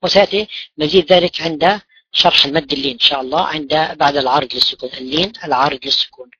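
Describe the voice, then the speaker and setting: A man's voice: a little high, racing, muffled recording, heavy background noise. A man teaching a class in a classroom-lesson style. He asks his students questions and then answers them himself. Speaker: religion teacher. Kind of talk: classroom lesson on Quran recitation rules.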